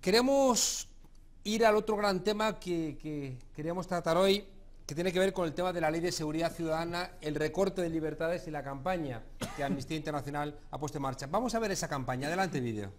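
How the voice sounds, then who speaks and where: A man with a Peninsular Spanish accent hosting a studio debate in a measured, formal way. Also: on the high side, a little hiss or hum. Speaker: host.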